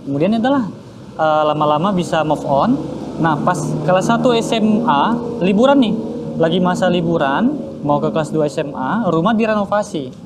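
A man, a guest telling a personal story in an animated way, often repeating words. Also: sits high, normal speed. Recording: steady background noise.

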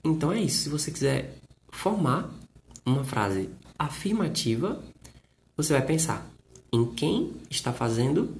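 A man with a Brazilian Portuguese accent teaches English on a live stream setup, explaining slowly, repeating himself, joking playfully and reading out viewer comments. His voice is fairly high and a little mellow, with big pitch swings.

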